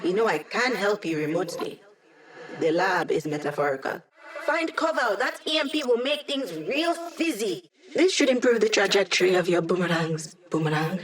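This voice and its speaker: Video game hacker sidekick, young female, played by a woman: cheeky, breezy, tech-savvy, quick to tease. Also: medium pitch, close to an everyday voice. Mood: playful, confident. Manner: playful, breezy, teasing, tech-savvy banter. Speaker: video game character giving mission support. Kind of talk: scripted video game voice lines.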